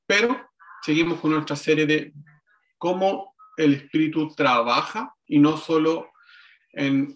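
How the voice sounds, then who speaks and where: A man preaching a sermon, slow and reflective, with frequent pauses and restarts, for an online service. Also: mid-range voice, a bit bright. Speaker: pastor.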